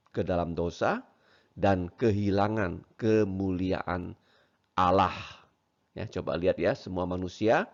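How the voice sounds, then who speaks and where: A male teacher with a low, gravelly voice walks children through a Bible verse at a slow, patient pace. He explains it word by word and adds "ya" often. The recording is dull and lo-fi.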